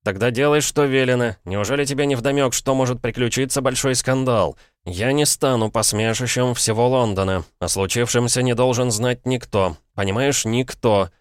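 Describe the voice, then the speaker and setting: A man's voice: mid-range voice, normal speed, few pauses, smooth, no room sound, clean studio sound, pitched above the performer's own voice, close to an everyday voice. Man doing a pompous, flustered father. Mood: commanding. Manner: bossy, pompous, agitated. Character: pompous anxious father, man trapped in boy's body. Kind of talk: audiobook character reading.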